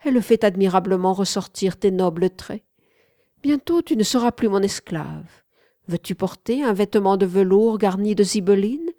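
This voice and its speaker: A woman voicing a haughty, commanding young woman in an audiobook, imperious and teasing, with sharp commands. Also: mid-range voice, moderate pace, no room sound, clean studio sound, natural voice. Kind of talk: audiobook reading.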